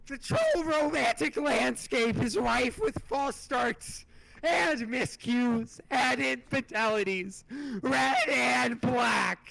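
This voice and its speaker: A man voicing Karkat, a furious young male troll who rants and shouts as he reads a webcomic aloud. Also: a little hiss or hum, full character voice, rough recording. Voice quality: gravelly, shrill shouting. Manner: ranting, slow and emphatic. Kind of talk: dramatic reading of a webcomic.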